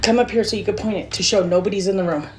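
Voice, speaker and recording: A mother films her dark house at night on a phone, panicked and breathless, whispering at times. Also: mid-range voice, very fast, noisy background. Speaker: mother filming at home. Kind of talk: frightened home video recording. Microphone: phone camera in hand. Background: music.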